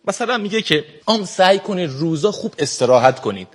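A man's voice: high-pitched, big pitch swings. A middle-aged man with a Shirazi accent doing stand-up comedy on a stage, with a lazy, drawling, joking delivery. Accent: Shirazi Persian.

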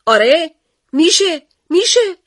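A rude, impatient young schoolboy, as a woman puts him on, shouting his demands in a high, lively voice. The sound is dry and close. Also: no echo. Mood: bossy.

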